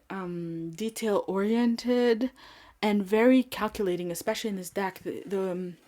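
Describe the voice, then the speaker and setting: A woman giving a casual pick-a-card tarot reading, chatty and giggly, often breaking into laughter. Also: medium pitch. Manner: giggly, chatty and warm-hearted, with frequent laughs and fillers. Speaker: tarot reader.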